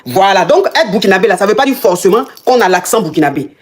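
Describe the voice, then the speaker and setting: A woman hosting a live call-in coaching show, animated and quick to interrupt. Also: medium pitch. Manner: animated, interrupting, repeats herself. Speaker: live-stream relationship coach.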